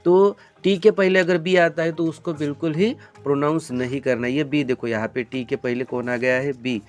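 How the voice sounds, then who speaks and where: A man teaches English pronunciation in Hindi in a classroom-style lesson, with faint music playing underneath. His voice sits on the high side with fairly even intonation at a normal speed. He runs drills of repeated call-and-response questions that he answers himself, addressing viewers as children and calling them "beta."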